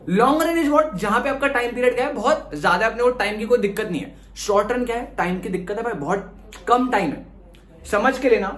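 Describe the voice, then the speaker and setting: A young male tutor lectures with lively energy, firing questions at the class and answering them himself. His voice sits high for a man. The room around him is echoey. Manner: plays student voices asking "sir". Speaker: economics tutor.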